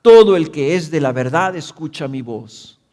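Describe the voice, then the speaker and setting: A man reading the words of a calm man on trial in a scripture reading, in a measured, solemn way. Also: a little high, close to an everyday voice.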